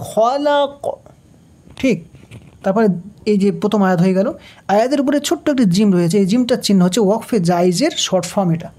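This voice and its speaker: A woman's voice: medium pitch, mellow. Patient woman teaching Quran reading. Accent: Bangladeshi Bengali. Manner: patient, repeats syllables slowly, asks and answers own questions. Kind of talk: step-by-step recitation lesson.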